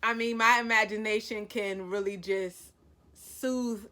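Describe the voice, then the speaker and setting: A woman's voice: medium pitch, unhurried. Chatty, opinionated woman vlogger. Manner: animated, chatty, opinionated, laughing. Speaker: vlogger reviewing a series. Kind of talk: casual review chat.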